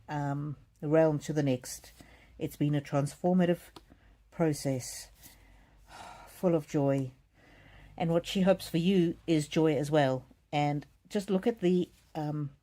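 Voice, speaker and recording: A woman hosts a live psychic card reading, chatting casually and reading comments aloud. Her low-sitting voice is gentle, musing and hesitant, with soft repetitions.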